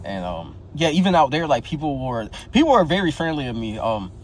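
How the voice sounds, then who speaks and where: Speaking a little fast in a very animated, medium-pitched voice, a twenty-something vlogger with a slight lisp shares his experience straight to camera. He's candid and slangy, peppering lines with "bro" and "yo" amid many restarts, on a low-quality recording with slight hiss or hum.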